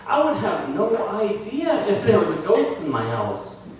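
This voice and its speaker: Animated man doing stand-up in a bar. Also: high voice, measured pace, a little hiss or hum. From United States. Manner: self-deprecating, animated, puts on voices for bits. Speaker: stand-up comedian. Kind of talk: stand-up comedy set. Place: small bar with brick walls, indoors. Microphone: handheld mic, filmed by a phone from the audience. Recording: echoey bar from far off. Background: audience laughter.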